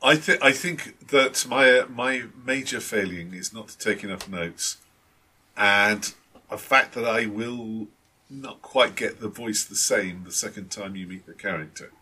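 A man's voice: on the low side, a little slow, pushed and bright, breathy edge. A man, a tabletop game master, chatting casually and hesitantly with many restarts and fillers. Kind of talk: casual chat.

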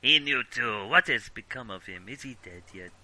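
A man's voice: medium pitch, lively intonation, normal speed, sharp tone. A man voicing a feverish, bitter old recluse. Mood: despairing.

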